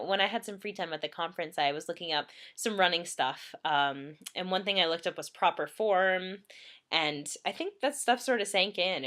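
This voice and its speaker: A young woman in her twenties vlogs from her bed in the bedroom, chatting casually with lots of ums and little laughs. She sounds slightly congested, with a lowish voice and a fairly bright tone.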